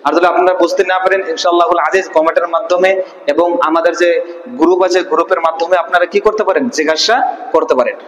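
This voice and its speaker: A man's voice: sits high, fairly even intonation, fast, fairly bright tone. A man teaching Quran reading, drilling syllables and asking and answering his own questions. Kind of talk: recitation lesson. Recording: echoey room with long reverb.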